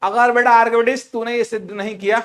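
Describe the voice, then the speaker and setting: A man's voice: extremely high pitch, fairly even intonation, quick pace, fairly bright tone, voice pushed up. A teacher voicing a stern threatening king. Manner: commanding, threatening. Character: stern threatening male king in a funny story.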